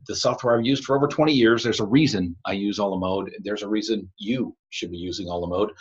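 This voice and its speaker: Tinny laptop mic, american guy doing casual podcast hosting, lowish voice with some husk, sounds like he's in a tin can. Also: breathy edge. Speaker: podcast host. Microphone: laptop built-in microphone. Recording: tinny, muffled laptop microphone.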